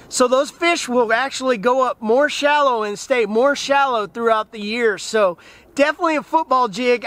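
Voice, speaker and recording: A man's voice: extremely high pitch, slight background noise. A man, talking casually and eagerly to the camera about fishing, outdoors by a river. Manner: enthusiastic, plain-spoken, animated hand gestures. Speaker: fishing channel host.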